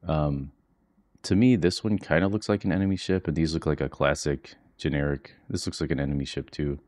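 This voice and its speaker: A man with a very deep, dark voice talks through a screen-recorded coding lesson. He keeps it quiet and flat, as if trying not to wake anyone at home. His pace is relaxed and chatty, with plenty of fillers. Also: a little fast. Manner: quiet, low-key monotone delivery; relaxed walkthrough with frequent fillers. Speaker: coding instructor. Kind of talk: screen-recorded software tutorial. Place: home, with children asleep nearby.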